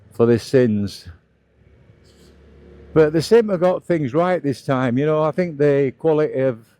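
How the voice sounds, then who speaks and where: Out on the roads on his scooter, a middle-aged British man narrates the ride as a motovlogger, speaking casually and plainly. His voice is on the high side and warm in tone, with no room sound.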